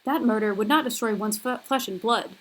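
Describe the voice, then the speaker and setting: A woman's voice: fairly high pitch, a little fast, fairly bright tone, rough recording. A woman lecturer voicing the wrathful leader of ancient female avenging spirits in a read-aloud scene, speaking in an accusing, emphatic way.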